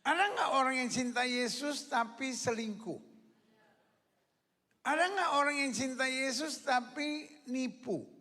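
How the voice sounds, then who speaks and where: A pastor preaching from the pulpit in a very high, bright voice, ringing through a big church hall with a long echo. He pushes his lines into shouts and repeats them, and calls on the crowd to answer him. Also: a little slow. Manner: preaching with shouted repetitions and crowd call-and-response. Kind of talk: sermon. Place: large church auditorium. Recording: long reverb of a large hall.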